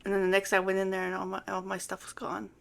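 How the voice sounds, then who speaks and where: A woman's voice: mid-range voice, monotone, quick pace, creaky, fairly bright tone. A woman giving rambling, hesitant roleplay testimony, full of fillers and restarts.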